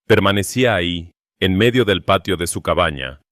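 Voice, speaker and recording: A man giving a scripted, steady and dramatic narration of a western story. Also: deep voice, normal speed, no echo, studio quality.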